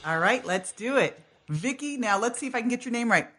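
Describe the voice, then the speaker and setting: A woman hosts a podcast in a relaxed, chatty way. Her talk is upbeat and loose, full of casual slang and easy laughs. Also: fairly high pitch, a little fast, music in the background. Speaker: podcast host. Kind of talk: casual interview chat.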